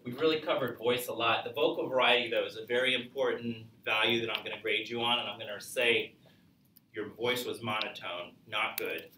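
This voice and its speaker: A college speech instructor lectures conversationally in a public speaking class, asking his students questions, his mid-range voice steady, brisk and sharp. He is recorded from afar in an echoey classroom, with a little hiss or hum.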